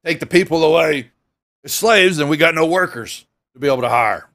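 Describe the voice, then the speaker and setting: A middle-aged man narrating a tabletop game as game master in a casual, halting, conversational way. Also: on the high side, lively intonation, a crowd in the background.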